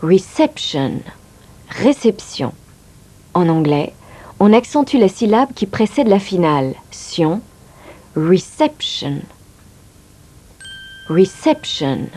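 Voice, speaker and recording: A woman's voice: medium pitch, sing-song, measured pace, dark tone. A woman teaching English in a scripted lesson, carefully explaining pronunciation. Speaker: language teacher.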